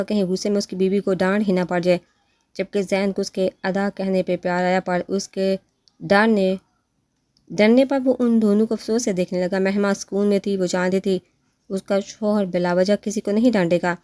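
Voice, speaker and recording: A woman reading an audio novel aloud in a steady storytelling manner. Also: mid-range voice, no echo, clean studio sound. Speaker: narrator.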